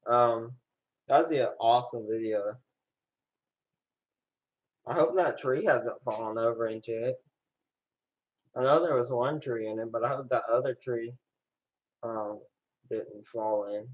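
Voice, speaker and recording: A man's voice: mid-range voice, a little slow, pauses often. Man rambling casually, dull lo-fi sound. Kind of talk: casual chat.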